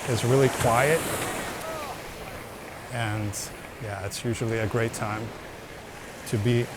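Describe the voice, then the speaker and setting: Strolling along a beach at sunset, a travel vlogger narrates in an easygoing way, repeating words as he goes. His mid-range voice is fairly even in intonation and slow, with waves and surf audible in the outdoor recording.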